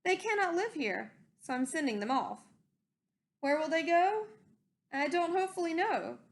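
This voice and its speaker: A woman's voice: extremely high pitch, lively intonation, normal speed, pitched above the performer's own voice. A woman voicing an indignant old forest creature from a storybook, scolding emphatically in rhyme. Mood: pleading, scolding.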